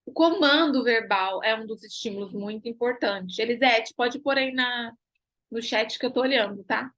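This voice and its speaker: A woman's voice: on the high side, normal speed, fairly bright tone, poor audio. A woman giving an online class, emphatic and repeating key phrases, asking her students rhetorical questions. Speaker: pilates teacher and business mentor.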